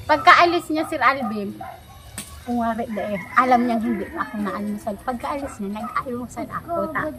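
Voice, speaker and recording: A woman, casually telling a personal story to a host, animated and laughing often. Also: a little high, normal speed. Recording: background music under the voice. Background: music.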